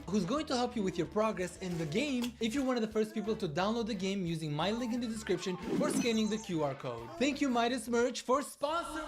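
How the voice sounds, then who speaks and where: A woman host giving casual, playful, gossipy reaction commentary in slangy speech. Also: medium pitch. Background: background music.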